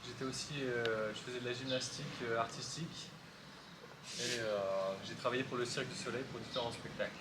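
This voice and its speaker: A man's voice: mid-range voice, fairly even intonation, fairly quick. A man in his thirties, a circus acrobat, answering interview questions hesitantly outdoors by a pool. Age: 30s. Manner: hesitant, many fillers. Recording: loud outdoor noise.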